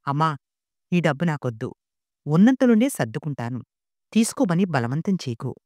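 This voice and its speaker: A woman's voice: low-pitched, big pitch swings, moderate pace, a little mellow, no room sound. A woman voicing a young adopted son who pleads and stays loyal in a storybook reading. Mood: hurt.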